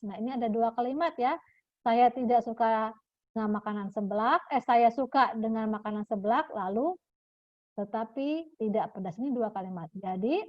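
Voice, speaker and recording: A woman's voice: on the high side, no echo, highs cut off. A woman teaching her primary school class in a recorded online lesson, explaining patiently and often adding a checking "ya" to the ends of phrases. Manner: patient, explanatory, calls pupils "anak ibu", ends phrases with "ya".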